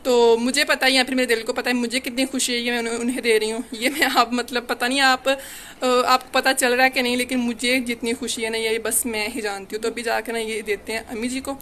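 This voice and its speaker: A young Pakistani woman, a family vlogger, rambles chattily through a casual home vlog in a sunny courtyard, filmed on a handheld phone and full of "you know" fillers. Her voice is fairly high and bright with little pitch movement, and she talks briskly with few pauses.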